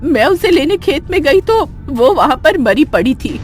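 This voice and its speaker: A woman voicing a shape-shifting spirit disguised as an old mother in an animated horror story, loud, pleading and tearful. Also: high-pitched, measured pace, faint music behind.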